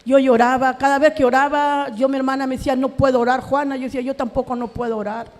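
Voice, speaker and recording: A middle-aged woman from Peru tells her conversion story in a church with a strikingly high voice. She acts out past conversations and grows anguished as she recalls them. A long reverb from the hall trails every line. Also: flat delivery, fast, darkish tone. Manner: earnest, acts out remembered dialogue, voice rising in anguish. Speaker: church member giving testimony. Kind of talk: emotional personal testimony.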